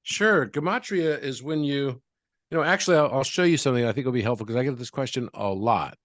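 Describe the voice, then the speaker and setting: A man who is a guest in an interview, calmly explaining things and walking through examples step by step. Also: mid-range voice, fairly quick, no room sound, studio quality.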